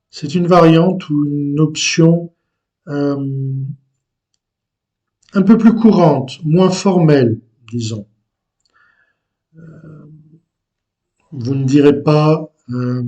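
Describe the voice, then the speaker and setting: Slow, hesitant man teaching language. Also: fairly high pitch, mellow, highs cut off. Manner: slow and deliberate, with frequent hesitations. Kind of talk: unscripted language lesson.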